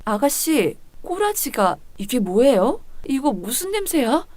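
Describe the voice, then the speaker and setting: Woman playing a sarcastic wife, cool and cutting, high voice, dry sound. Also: sing-song, unhurried, darkish tone, no room sound, heavily acted. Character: sharp-tongued young wife, coolly cutting.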